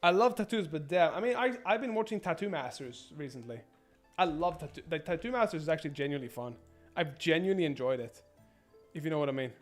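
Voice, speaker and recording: A man's voice: on the high side, expressive, quick pace, faint music behind. Rambling, foul-mouthed man streaming a game. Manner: profane, rambling, stammers and repeats himself. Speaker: gaming streamer. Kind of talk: casual gameplay commentary.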